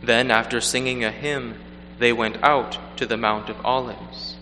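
A man reading the gospel and preaching a homily at Mass in a measured, earnest way, his voice ringing with cathedral echo in a large church. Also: mid-range voice, fairly even intonation, pushed and bright. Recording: long church reverb, faint hum.

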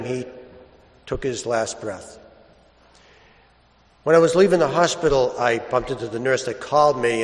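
Priest preaching in long cathedral echo. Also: male voice, medium pitch. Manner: plain storytelling with pauses and repeated rhetorical asides. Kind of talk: Gospel reading and conversational homily. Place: large reverberant church.

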